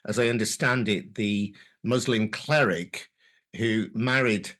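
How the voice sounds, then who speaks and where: Measured male podcast host. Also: fairly low pitch, a bit bright. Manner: measured, clear, journalistic. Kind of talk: interview hosting.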